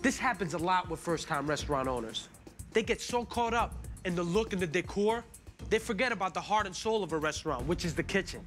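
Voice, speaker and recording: A man in his forties with a slightly raised voice hosts a restaurant rescue show, narrating briskly and directly. He talks with an owner in a small café. A steady music bed runs under his lines. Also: high voice. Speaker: restaurant consultant and show host. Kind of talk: reality TV narration and casual chat. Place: small bright café dining room.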